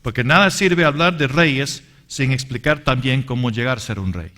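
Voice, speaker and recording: A man's voice: medium pitch, pushed and bright. A man teaching a sermon with personal testimony, earnest and emphatic, addressing the listeners as brothers. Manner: deliberate and emphatic. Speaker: Bible teacher.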